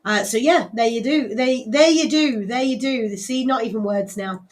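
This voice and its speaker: A woman's voice: fairly high pitch, moderate pace. A woman hosting a live local radio show with a West Country English accent, chatting casually and rambling with frequent laughs and fillers. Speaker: radio host.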